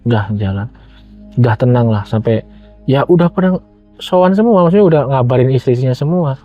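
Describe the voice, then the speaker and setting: A man's voice: medium pitch, brisk, dry recording. Indonesian man storytelling over music, dull audio. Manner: animated retelling with acted-out quotes. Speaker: guest telling his own story. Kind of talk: casual personal storytelling.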